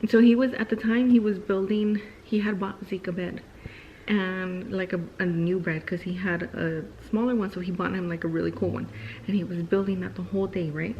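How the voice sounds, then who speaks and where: A woman's voice: fairly low pitch, fairly even intonation, normal speed. Young woman, casual storytime vlog, chatty, says "like" constantly, slightly dull sound, faint hiss. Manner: chatty, heavy use of "like", acts out quotes. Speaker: vlogger.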